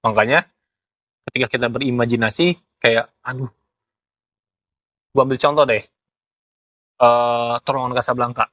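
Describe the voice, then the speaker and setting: A young man with a Jakarta Indonesian accent explains things in casual chat, haltingly, often searching for words. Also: medium pitch, fairly even intonation, a bit bright, dry recording, muffled recording. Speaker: ghost photographer being interviewed.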